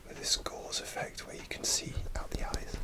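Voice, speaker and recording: This is an ASMR video in which a man tells a wandering story in a close-mic whisper, with frequent pauses and fillers.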